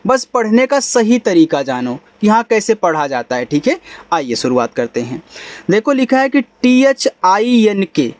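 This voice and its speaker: A man's voice: high voice, very animated, unhurried, no echo. A young adult man teaching a lesson step by step, patiently repeating points and checking in with his listeners. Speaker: English teacher.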